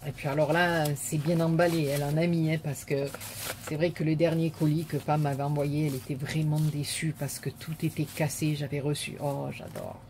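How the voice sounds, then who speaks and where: A woman's voice: low voice, little pitch movement, moderate pace, darkish tone, a little hiss or hum. A woman vlogger chatting casually to viewers as she unboxes a parcel, gushing and repeating her words of praise with many fillers.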